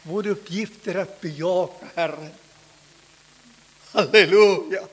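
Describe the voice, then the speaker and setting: A man preaching a fervent Pentecostal sermon, swinging from hushed asides to loud shouts. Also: sits high, a little hiss or hum. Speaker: pastor. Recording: long hall reverb.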